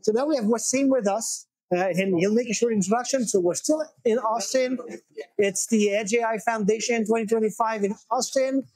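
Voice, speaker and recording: A male host in his forties with a high, husky voice, guiding a conversation and dropping frequent short acknowledgements. The sound is dry and close, from a lapel mic. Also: moderate pace, a little mellow, no echo, low-quality recording. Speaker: show host. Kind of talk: conversational interview hosting. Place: small wood-paneled room, indoors.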